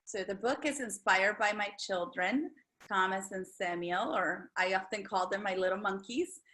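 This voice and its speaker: A woman's voice: medium pitch, moderate pace, fairly bright tone. A woman from El Salvador, an author and guest, answering interview questions casually and thoughtfully. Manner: thoughtful, with frequent fillers and restarts.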